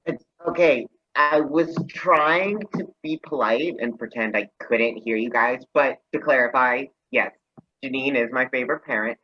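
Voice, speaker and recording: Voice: mid-range voice, unhurried, highs cut off, lightly acted. An actor playing Max, a wry, sarcastic seventeen-year-old son, in a play reading over a video call. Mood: dry. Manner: dry, sardonic.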